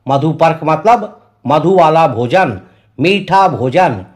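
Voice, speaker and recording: A man's voice: fairly high pitch, expressive, slow. A male tutor explaining a poem line by line, repeating each verse and paraphrasing it in simple words. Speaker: Hindi tutor.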